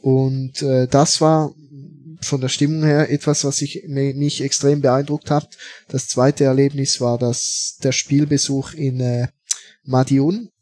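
A man talks as a guest on a podcast. His pitch stays flat and even, and he often stops to fill gaps and restart his sentences. The sound is dry and close. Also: takes it slowly, no room sound. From Switzerland. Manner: hesitant, many fillers and restarts. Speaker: podcast guest, football fan. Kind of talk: casual interview talk.

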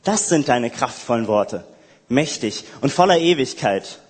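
A man speaking directly to God in a reflective, prayer-like monologue, halting and hesitant, with frequent restarts. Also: medium pitch, lively intonation, husky, in a large hall.

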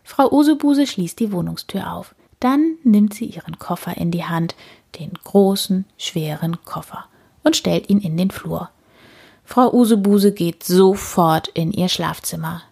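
A woman reading a children's story aloud, slow and expressive with deliberate repetition. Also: lowish voice, vocal fry, breathy edge.

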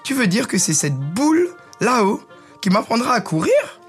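A man voicing a naive, newly built snowman who asks puzzled, gentle questions in a storybook tale. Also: very high voice, sing-song, normal speed, faint music behind, pitched above the performer's own voice. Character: naive newborn male snowman, curious and wondering.

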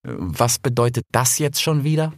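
A man's voice: medium pitch, expressive, normal speed, no echo, clean studio sound, natural voice. A man voicing a young grey male fox in a storybook, jumpy and stubborn, stammering when flustered. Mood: indignant. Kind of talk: audiobook character voice.

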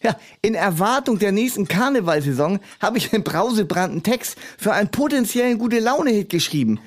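A man with a high-pitched voice plays a role in a scripted comedy sketch. He sounds smug and scoffing, like a know-it-all who brushes off every objection. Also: lively intonation, fairly quick.

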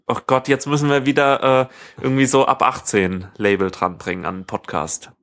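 A man's voice: medium pitch, little pitch movement, fairly bright tone. A man co-hosting a casual tech podcast in a living room, rambling and often correcting himself mid-sentence. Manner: rambling, halting, self-correcting. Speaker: podcast co-host.

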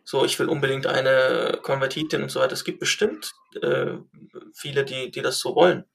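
A young man of Syrian family background, chatting and telling stories in an animated way, with lots of fillers and restarts. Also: mid-range voice, normal speed, vocal fry. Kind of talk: casual conversation.

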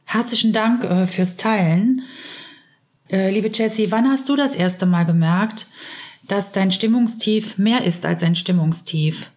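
A woman's voice: mid-range voice, a little slow, a little mellow. Woman hosting a podcast interview. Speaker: podcast host.

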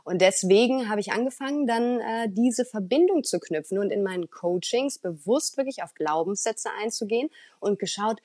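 A woman voice coach who talks earnestly and expressively as an interview guest, with the odd filler pause. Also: mid-range voice, lively intonation, a little mellow, dry recording, clean studio sound. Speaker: voice coach and speaker.

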